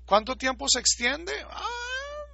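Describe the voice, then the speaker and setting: A man's voice: fairly high pitch, a little slow, pushed and bright, slightly rough, dry recording, highs cut off. A man giving a recorded lecture, explaining patiently and repeating words to show how they are pronounced. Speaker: teacher.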